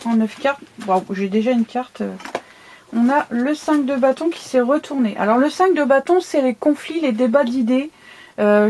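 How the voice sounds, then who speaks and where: A woman's voice: a little high, a little mellow, a little hiss or hum. A woman with a lisp from new dental braces, giving a casual, conversational tarot reading and often checking that the listener follows. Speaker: tarot card reader.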